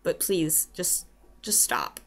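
Reading off a list in a small shelved room, a woman in her twenties chats very animatedly to her webcam, taking things slowly and slipping in wry comments. Her lowish voice is a bit bright and a little snuffly from a cold, picked up by the webcam's built-in mic.

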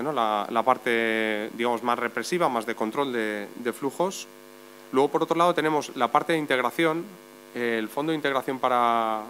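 A journalist on a debate panel in a meeting room explains his points step by step, building them with lists and rhetorical questions. His voice is mid-range and fairly bright, and the rough recording carries a faint mains hum.

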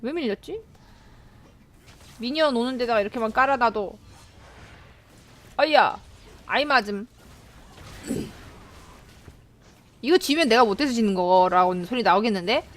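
High, lively, excitable woman streamer. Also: a little slow, pauses often. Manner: excitable, yelps and chatters at the screen. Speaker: game streamer. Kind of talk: live gameplay commentary.

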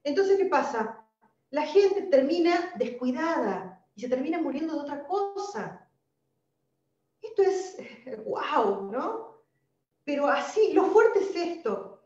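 Argentine woman, high lively voice, emphatic live-stream host in an echoey room. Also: distant mic, highs cut off. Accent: Argentine Spanish. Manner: animated, emphatic, addresses viewers directly. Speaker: holistic wellness host. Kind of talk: live-stream spiritual talk.

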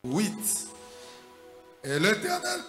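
A man reading Bible verses aloud during a sermon, slow and measured. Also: high voice, wildly swooping pitch, echoey room, over music. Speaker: scripture reader.

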